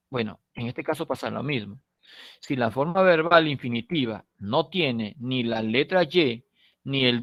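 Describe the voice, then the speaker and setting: A Peruvian man with a somewhat high voice gives a recorded lesson, explaining patiently and checking in after nearly every point. He draws out key words and lets his phrases fade at the end. The sound is dry and close. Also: dry recording. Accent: Peruvian Spanish. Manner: explanatory, checks in with frequent tag questions; stretches key words slowly, trails off softly at phrase ends. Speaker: teacher. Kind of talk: recorded online class lecture.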